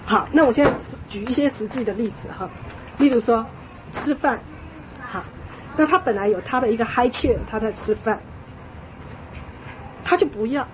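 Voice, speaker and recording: A woman with a high voice lectures an audience on raising children. She talks in a lively, emphatic way, repeating key phrases and breaking into small laughs. Faint background noise sits under her voice. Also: normal speed, long pauses, lo-fi sound. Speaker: parenting speaker.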